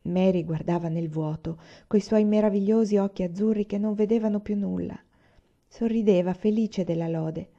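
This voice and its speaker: A woman reading a novel aloud in a calm, even storytelling manner. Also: mid-range voice, moderate pace. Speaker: reader. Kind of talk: audiobook narration. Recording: slightly dull lo-fi recording.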